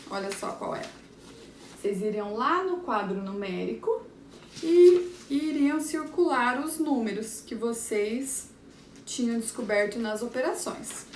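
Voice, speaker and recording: A Brazilian woman, a primary school teacher, reviewing a lesson for young children and sounding out words syllable by syllable. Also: a little high. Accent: Brazilian Portuguese. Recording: echoey room, far from the mic, faint background hum.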